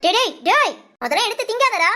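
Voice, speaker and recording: Played by a woman, this bitter young mother nags and scolds nonstop in a homespun short drama. The voice is high and bright, with lively intonation and an exaggerated delivery, and the scolding comes fast and cutting.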